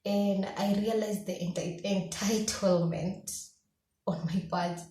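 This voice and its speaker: A woman's voice: mid-range voice, steady tone, slow pace, warm tone, soft background music. A young Kenyan woman in her twenties, a law student telling a candid vlog story and acting out her own past thoughts. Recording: echoey room.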